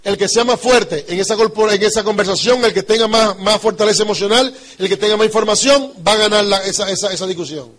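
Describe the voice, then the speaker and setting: Emphatic Dominican man, high voice. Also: fast, hardly any pauses, fairly bright tone. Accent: Dominican Spanish. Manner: emphatic, repetitive, rhetorical questions. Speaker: business trainer. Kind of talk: motivational talk.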